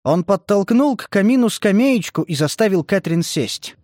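A man reading a novel aloud as audiobook narrator, in a measured, even manner. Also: high-pitched, dry recording, clean studio sound. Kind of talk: scripted literary narration.

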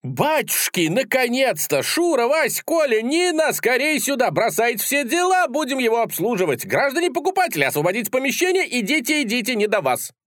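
A man doing a shrill fussy shop clerk. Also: very animated, normal speed, few pauses, no echo, studio quality. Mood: fawning.

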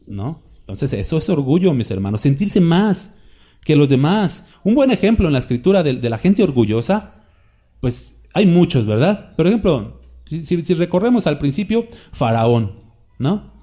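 A man's voice: on the high side, very animated, moderate pace, dark tone. A man preaching a sermon in a conversational way, often asking the listeners questions and acting out quoted voices. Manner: acts out quoted voices for examples.

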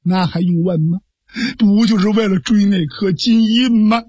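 A tired old-style imperial envoy, as a storyteller voices him, speaking low and worn out with grief. His husky voice sits close and dry, as in a storytelling broadcast. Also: moderate pace, warm tone, dry recording. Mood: weary. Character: grief-stricken imperial envoy, weary official.

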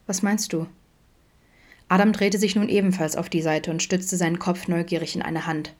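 A woman narrating fan fiction as an audiobook in a calm, measured way. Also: fairly low pitch. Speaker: audiobook reader.

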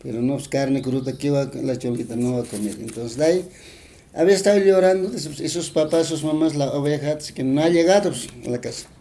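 Speaking in an interview with a Bolivian Spanish accent, a man recounts a folk tale in a meandering way, full of tag questions and fillers. His dark-toned voice sits on the high side and moves a little fast, over a faint hiss or hum.

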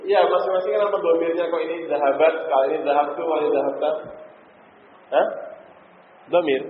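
Male teacher, quizzing tone, slightly high voice; phone-thin recording, big echoey hall with faint hum. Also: fairly even intonation, brisk, phone-quality sound. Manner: quizzing students with frequent "hah?" and "paham ya?". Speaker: Arabic grammar teacher. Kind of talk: classroom study session.

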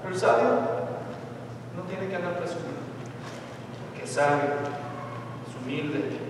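A high-pitched man preaches a lively sermon, peppering his congregation with questions and acting out short exchanges. The mic sits far off, so his voice rings through a big hall with a long echo tail. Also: unhurried, noisy background. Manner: animated, asks the congregation questions and acts out voices. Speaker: pastor. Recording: echoey hall miked from far off.

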